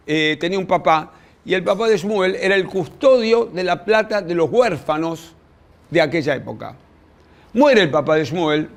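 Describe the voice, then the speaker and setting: Man, Rioplatense accent, rabbi lecturing, storytelling, slightly high voice, acts out dialogue. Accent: Rioplatense Spanish. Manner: lively, acts out dialogue in quick quoted voices; addresses students directly with asides. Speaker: rabbi teaching a class.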